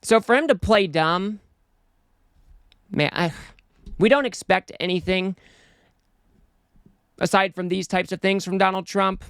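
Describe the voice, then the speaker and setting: A man's voice: high voice, unhurried, pauses often, fairly bright tone, clear, resonant tone, no room sound, clean studio sound. A man hosting a political commentary show, talking in an exasperated, scornful way.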